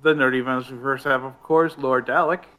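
A man's voice: mid-range voice, fairly even intonation, brisk, crowd noise. A man hosting a casual podcast over an online call, joking and rambling with many fillers. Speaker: podcast host. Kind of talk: casual chat. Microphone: online call microphone.

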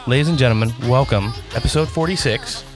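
A man's voice: medium pitch, fast talker, over music, low-quality recording. A man hosting a casual talk show, reading sponsor plugs and bantering playfully. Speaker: podcast host.

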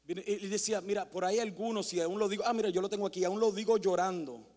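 A male pastor preaching a sermon, swinging from hushed near-whispers to loud, impassioned calls. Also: high-pitched, steady tone, quick pace, in a large hall.

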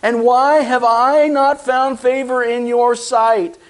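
A man's voice: very high voice, little pitch movement, slow pace, pitched above the performer's own voice. A man voicing an exasperated old prophet who pleads in a whiny voice. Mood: pleading.

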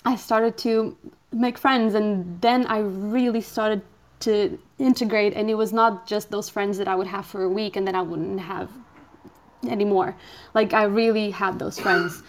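A Portuguese woman in her twenties, a native speaker, appears as a guest on a podcast, chatting casually in an interview. Her voice sits at medium pitch with fairly even intonation and a measured pace, and she comes across as hesitant, using many "um" fillers and laughing easily.

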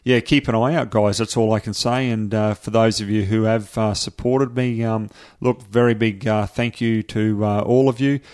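A man's voice: lowish voice, fairly even intonation, moderate pace, darkish tone. An Australian man being interviewed as a guest, chatting casually in a laid-back, blokey way with hesitant phrasing. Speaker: podcast guest, product reviewer.

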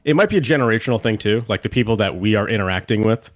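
A fairly low-voiced man from Canada co-hosting a sports podcast. He talks in an easy, conversational way. When he reads ads he turns brighter and more upbeat. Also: expressive, very fast. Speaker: podcast co-host. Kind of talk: casual sports podcast chat.

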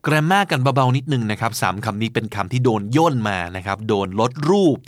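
Middle-aged male podcast teacher; calm, reflective, explanatory delivery in a dry, close-miked studio sound. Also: medium pitch, fast talker, no room sound. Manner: gentle, reflective, explains patiently with soft particles. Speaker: podcast host and English teacher. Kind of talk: conversational language lesson.

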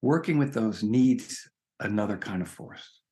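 A man's voice: lowish voice, lively intonation, measured pace, warm tone. A man speaking as a spiritual teacher in an interview, earnest and emphatic, often checking in with "right?". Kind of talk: reflective conversation.

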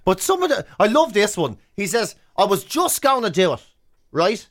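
Here the Irish radio host's voice is high-pitched and his pace is normal. Sitting in the studio, he spins funny stories casually and plays every part of the conversations himself, a lively storyteller.

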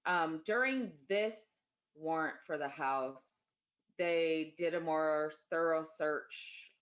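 A woman being interviewed, giving an unscripted account in a plain, deliberate, factual way. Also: sits low, muffled recording.

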